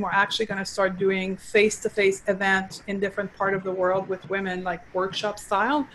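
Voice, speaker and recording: A woman's voice: mid-range voice, a little hiss or hum, low-quality recording. French-Canadian woman guest explaining nutrition. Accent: Quebec French. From Quebec, Canada. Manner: earnest, explaining, frequent restarts. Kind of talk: casual interview talk.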